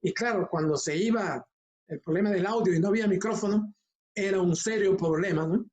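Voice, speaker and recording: An older homiletics professor teaches online in a relaxed, conversational style, his high voice moving briskly. He's positioned a short distance from a laptop mic.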